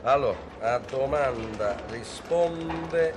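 A man's voice: mid-range voice, takes it slowly, noisy background, close to an everyday voice. A man playing a sneering, bullying prosecutor. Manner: sneering, bullying, mock-polite on the phone. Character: sarcastic, overbearing male public prosecutor. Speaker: prosecutor interrogating a suspect. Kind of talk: film drama dialogue. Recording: film soundtrack with music underneath.

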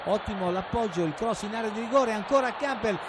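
A man giving excited football commentary, emphatic and often shouting, with hesitations before names. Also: high voice, brisk, crowd noise. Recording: noisy match broadcast.

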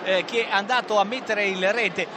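A man giving live football commentary as a radio commentator, in a halting delivery. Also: high-pitched, fairly even intonation. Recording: noisy stadium broadcast with crowd.

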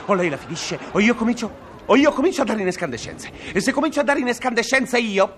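A man's voice: sits high, sing-song, fast talker, a little hiss or hum. A man playing a fussy, pompous passenger in a radio comedy sketch, easily flustered. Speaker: exasperated gentleman passenger.

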